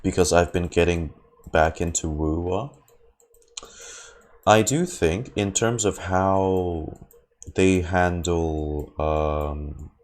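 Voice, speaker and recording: Slow and low-pitched with a somewhat dark tone, a game streamer offers loose live commentary. He wanders from thought to thought and repeats his words and phrases, with game music audible in the background.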